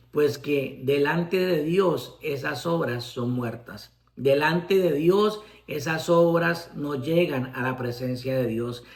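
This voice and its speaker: A male preacher with a slightly high-pitched voice gives a sermon. He speaks earnestly, circles back to key phrases for emphasis, and talks straight to the congregation. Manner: earnest, repetitive emphasis, addresses listeners directly.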